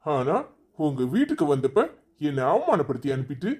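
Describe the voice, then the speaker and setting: A man's voice: fairly high pitch, big pitch swings, a little fast, darkish tone, husky. A man voicing an angry, stubborn young husband who teaches at a college, scolding and dismissing his wife in a cartoon story.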